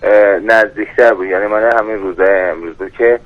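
Low-pitched man on a dull phone line. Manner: courteous, formal, deferential. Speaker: fruit trade union head, phone guest. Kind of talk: live phone interview. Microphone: telephone.

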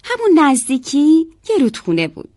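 A woman telling a story to children, animated and asking them questions as she goes. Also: sits high, no echo, clean studio sound.

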